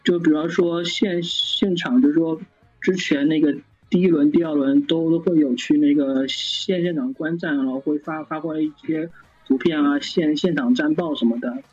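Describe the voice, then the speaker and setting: A man's voice: on the high side, steady tone, a little mellow, breathy edge, faint music behind. A man who is a guest on an interview podcast, talking casually with frequent stammered restarts. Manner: halting, many stammered restarts. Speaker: guest, fan site founder. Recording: dull lo-fi sound.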